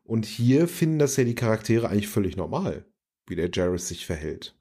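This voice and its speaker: A man's voice: lowish voice, sing-song, brisk, dark tone, husky. A man co-hosting a podcast, chatting about an episode in an amused, emphatic way. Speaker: podcast co-host. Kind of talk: casual review chat.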